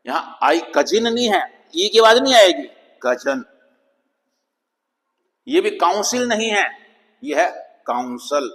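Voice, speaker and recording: A man with a fairly high voice gives a patient pronunciation lesson. He explains each sound, then says the model words slowly in a lower voice. His voice carries a long reverb, as if in a hard, echoing room. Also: a bit bright. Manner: patient, repeats example words slowly, drops pitch on model words. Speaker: English pronunciation teacher.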